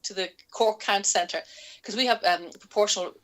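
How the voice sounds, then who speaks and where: A woman with an Irish accent, a guest in an interview, telling stories in a lively way and laughing often as she talks. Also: mid-range voice, normal speed. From Ireland. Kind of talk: casual storytelling in an interview.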